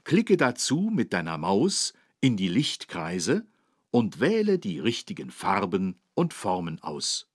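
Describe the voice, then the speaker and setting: A full character voice, low and slow with wildly swooping pitch, plays a friendly, helpful adult policeman in a German cartoon game. He teaches small children road safety in simple, clearly phrased, instructive terms, recorded dry at studio quality.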